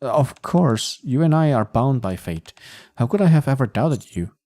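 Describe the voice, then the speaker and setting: A man's voice: medium pitch, animated, normal speed, dark tone, no room sound, lightly acted. A man reading a clingy, frantically apologetic young woman. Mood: relieved. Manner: frantic, pleading, apologizing over and over.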